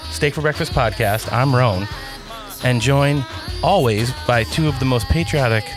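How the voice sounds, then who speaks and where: A man's voice: medium pitch, a little slow, music in the background. A man hosting a casual talk show, reading sponsor plugs and bantering playfully. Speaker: podcast host.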